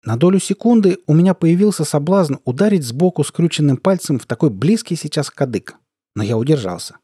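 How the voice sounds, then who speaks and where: A man reading a first-person audiobook in a measured, even storytelling manner. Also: on the high side, husky, no room sound, studio quality. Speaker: audiobook narrator.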